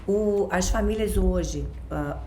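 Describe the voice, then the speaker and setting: A woman's voice: fairly low pitch, slow, darkish tone, echoey room, slight background noise. A woman with a Rio de Janeiro accent, a guest expert explaining things in casual chat with everyday examples and constant tag questions. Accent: Rio de Janeiro Portuguese. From Brazil, born in Minas Gerais.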